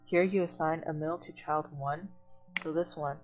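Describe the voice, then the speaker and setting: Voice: mid-range voice, fairly even intonation, normal speed, poor audio. Tutor explaining code, mid-range voice, patient step-by-step delivery, faint music behind. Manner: reads documentation aloud, then explains it plainly in own words. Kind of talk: online coding lesson walkthrough.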